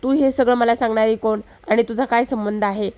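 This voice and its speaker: A woman's voice: on the high side, steady tone, fairly quick, dark tone, natural voice. A woman voicing an angry older woman of the household who scolds with contempt. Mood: scolding.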